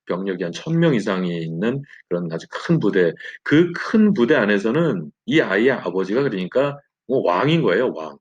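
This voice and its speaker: Over a dull, lo-fi recording, a man who teaches Bible study narrates with lively, wide-ranging pitch and a slightly husky voice. Whenever he pauses, he fills the gap with a quick affirming "예."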